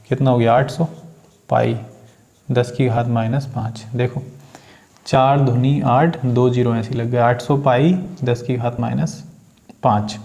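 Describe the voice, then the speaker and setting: A male physics tutor with a mellow, mid-range voice patiently explains a classroom problem-solving lesson step by step. He calls his students beta and asks questions that he answers himself.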